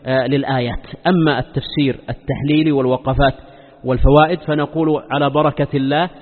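A man's voice: mid-range voice, fairly even intonation. Man lecturing in formal Arabic, echoing hall. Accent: formal standard Arabic. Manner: deliberate, repeats phrases and poses rhetorical questions. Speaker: religious teacher giving weekly Quran commentary lesson. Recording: long hall reverb, dull muffled sound.

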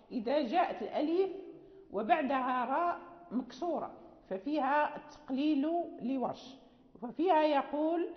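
A woman teaching recitation rules in a measured way, quizzing her students and reciting verse lines. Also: high-pitched. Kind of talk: recorded lesson on recitation rules. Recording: echoey hall, dull lo-fi sound.

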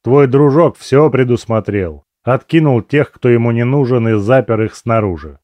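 A man's voice: medium pitch, normal speed, a little mellow, dry recording, close to an everyday voice. A man voicing a foul-mouthed, scornful captive. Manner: swearing, scornful. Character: crude, irritable male captive nicknamed the dentist.

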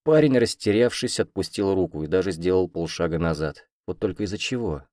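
Low-voiced guy reading a fantasy novel aloud, dry close sound, steady. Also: brisk, dry recording. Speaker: audiobook narrator. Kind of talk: scripted first-person narration.

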